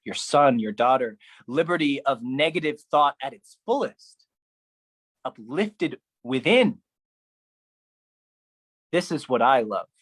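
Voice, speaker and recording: A solo performer gives a dramatic spoken-word monologue, intense and theatrical, swinging between low musing and raised outbursts. The voice is husky and a bit bright, with no room sound.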